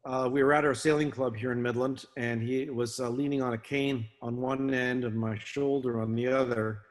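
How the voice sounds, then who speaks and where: A man giving a talk as a guest speaker, telling stories in a halting way with many fillers and restarts. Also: medium pitch, steady tone. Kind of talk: talk to a naval association, storytelling. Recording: long reverb.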